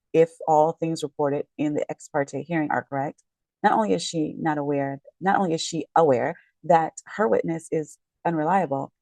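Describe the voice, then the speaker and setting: Late at night at home, a real estate agent who also comments on legal matters talks loosely through a court case in a low, mellow voice with vocal fry. Weary and worn, she wanders off track, fixes her own words, and keeps apologizing. There's no echo, and the audio quality is poor.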